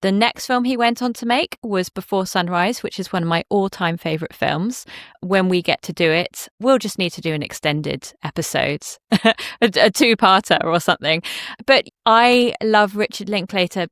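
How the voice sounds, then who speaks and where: Woman, measured podcast co-host, dry close recording. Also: mid-range voice, a bit bright, dry recording. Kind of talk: casual film podcast chat.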